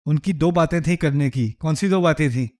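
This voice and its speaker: High-voiced man giving a humorous lecture. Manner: lively storytelling with rhetorical questions and jokes. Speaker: Islamic lecturer.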